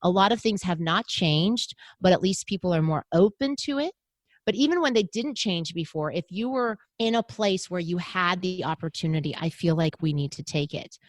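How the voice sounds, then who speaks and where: Middle-aged American woman, low-voiced, earnest and motivational, interview guest, dry recording. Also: moderate pace, no room sound. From United States. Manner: earnest, motivational, animated when quoting others. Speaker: podcast host and guest. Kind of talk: interview conversation.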